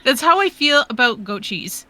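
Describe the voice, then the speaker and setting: Bright-voiced blunt woman guest. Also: on the high side, sing-song, moderate pace. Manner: laid-back, blunt, swears casually. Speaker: podcast guest. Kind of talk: casual chat.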